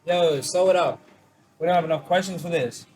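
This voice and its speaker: A man's voice: a little high, a little fast, darkish tone, poor audio. A young man chatting casually in short slangy bursts while struggling through spicy food. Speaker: challenge participant. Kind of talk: casual chat during a spicy eating challenge.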